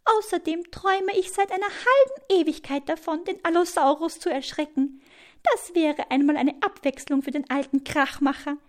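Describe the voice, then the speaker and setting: Storybook hummingbird, tiny and bold, piping high; woman reader voices him. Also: moderate pace. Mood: mischievous. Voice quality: squeaky, piping. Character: tiny brave male hummingbird, cheeky.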